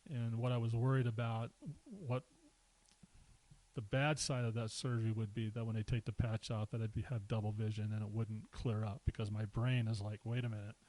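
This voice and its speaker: This middle-aged man, a guest on a podcast, spins easygoing personal stories at a moderate pace, acting out quotes and chuckling throughout. His voice is fairly low-pitched, and the recording is rough.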